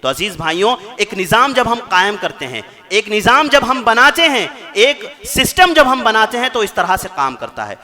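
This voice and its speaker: A man's voice: sits high, big pitch swings, hardly any pauses, pushed and bright. A man giving a Friday sermon in a mosque, retelling stories with quoted dialogue and repeating phrases for emphasis.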